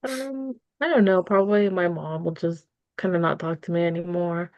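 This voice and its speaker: A dry, slightly dull recording of a woman with a lowish voice. She speaks as a client in a therapy role-play, casually and a little hesitantly, with an informal, filler-heavy way of talking. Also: fairly even intonation, normal speed, a little mellow, dry recording. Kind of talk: casual, unscripted conversation.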